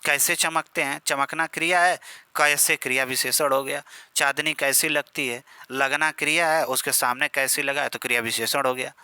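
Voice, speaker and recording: A man's voice: medium pitch, steady tone, moderate pace, hardly any pauses, pushed and bright, smooth, no echo. A man teaching an exam-prep grammar lesson, working through many example sentences, asking questions and answering them himself, and talking familiarly to his students.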